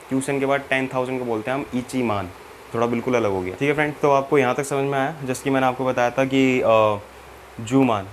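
Guy teaching a language class, patient and step by step, slight hiss behind. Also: mid-range voice. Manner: patient, repeats steps and checks understanding; mixes in English terms, spells out each example. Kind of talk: explaining a language lesson.

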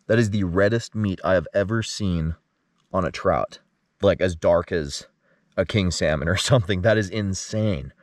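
A man in his thirties filming a solo fishing vlog at a lakeshore at night, chatting to the camera with easy excitement. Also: low-pitched, normal speed, no echo, studio quality, far from the mic. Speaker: fishing vlogger. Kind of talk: casual solo outdoor vlog. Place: dark forest lakeshore at night, outdoors.

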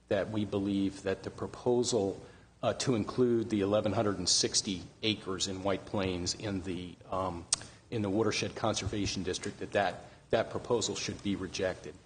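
A middle-aged man giving earnest public testimony at a county meeting, halting with fillers and restarts, speaking into a desk microphone. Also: on the low side, slight background noise.

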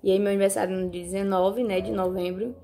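A woman's voice: medium pitch, fairly even intonation, quick pace, mellow, slight background noise. A woman, chatting casually to her viewers on a phone video, often checking in with them and repeating herself. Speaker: vlogger. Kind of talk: casual vlog talk to viewers. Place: countryside home.

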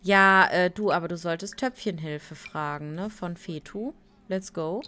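Slow-talking tired woman streamer. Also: on the low side. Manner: chatty, greets chat viewers by name; slow, relaxed talk with playful asides. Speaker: streamer playing a life-sim game. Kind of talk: casual live-stream commentary.

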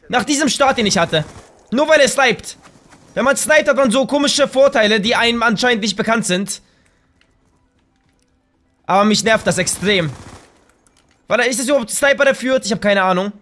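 A young man with a German accent talks through a shooter match as live commentary. His voice sits very high and sounds bright and forceful. He trash-talks the other players and keeps bursting into excited shouts. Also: normal speed, pauses often, faint music behind. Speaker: gaming YouTuber.

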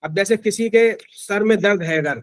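A man's voice: sits high, normal speed. A man teaching acupressure in an online class, explaining informally with frequent restarts and fillers.

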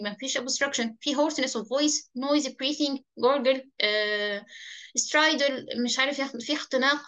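A young woman with an Egyptian Arabic accent giving a medical lecture, mixing in English terms, slowing to read them out, and often checking in with her listeners. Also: high voice, fairly bright tone. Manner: frequent checking "تمام؟" with listeners.

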